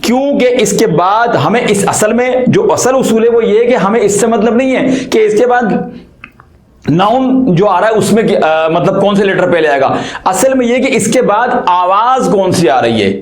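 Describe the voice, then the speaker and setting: High-voiced man teaching grammar. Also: animated, moderate pace, roomy sound, low-quality recording. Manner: repeats questions to the viewer and answers them. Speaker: English teacher. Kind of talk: explaining grammar lesson.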